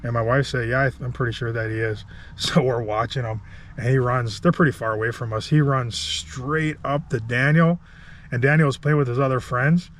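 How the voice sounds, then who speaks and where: A man's voice: medium pitch, steady tone, normal speed, fairly bright tone, a little hiss or hum. A man in his thirties, a contractor vlogging casually from an outdoor building site, telling a story with a chatty, laughing manner. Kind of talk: casual vlog talk to camera.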